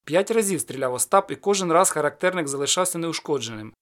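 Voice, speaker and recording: A man reading an adventure tale aloud in steady storytelling narration. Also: fast. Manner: steady storytelling, lowers voice after quotes. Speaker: audiobook narrator. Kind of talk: scripted narration of a folk adventure.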